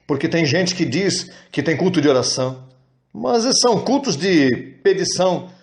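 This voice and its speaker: A man preaches with real animation. His voice sits fairly high, and he stretches words out for emphasis. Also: moderate pace. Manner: animated, acts out quoted prayers in high wailing voices. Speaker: pastor. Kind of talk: sermon.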